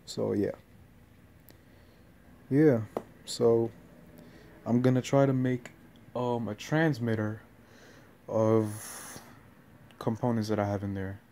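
A young man speaks slowly with long pauses in a mellow, medium-pitched voice and fairly even intonation. Like an amateur vlogger in a small bedroom, he rambles casually, hesitant and offhand, with a handheld phone at arm's length. The noisy recording has clear hiss.

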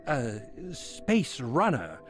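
A man's voice: medium pitch, wildly swooping pitch, drawn-out words, soft background music, heavily acted. A man voicing an alien who poses as a human client, talking in a stiff, overly formal way to pass as human. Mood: stiffly formal. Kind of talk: game voice acting.

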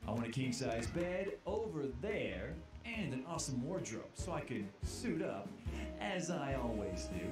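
An actor voicing a brash, dismissive male client in a video game, talking in a smug, showy way. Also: a little high. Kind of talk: game character voice-over. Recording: roomy sound over loud music.

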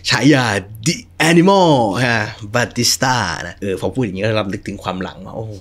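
A male host chatting casually and telling a story, with lots of excited exclamations. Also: medium pitch, moderate pace. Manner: animated, full of exclamations.

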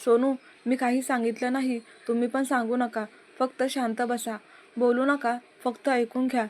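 A woman reading the lines of an anxious young female office worker who speaks quietly and pleads, in a story reading. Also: fairly high pitch, little pitch movement, moderate pace, lightly acted. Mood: hushed.

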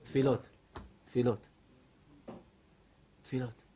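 A man's voice: medium pitch, slightly rough. A man giving a humorous sermon as a rabbi, telling stories animatedly and acting out other people's voices. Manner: animated comic storytelling, acts out women's voices.

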